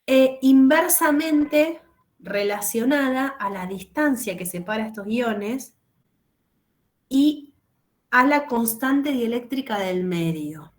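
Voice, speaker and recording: A woman's voice: a little high, animated, slow pace. A woman teaching a chemistry lesson over a video call, explaining step by step and checking often that students follow. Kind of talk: online class lecture.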